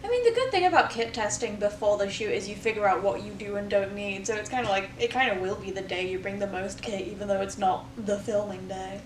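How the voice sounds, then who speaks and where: A British woman chatting casually with dry, deadpan jokes. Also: medium pitch, fast, hardly any pauses. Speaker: guest, film crew member. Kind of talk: casual chat. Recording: echoey room from a distance with faint noise.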